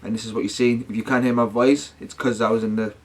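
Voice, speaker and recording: A British man speaks fast in a fairly low, steady voice. He's a paranormal vlogger chatting casually to his viewers, rambling, using slang, and often correcting himself.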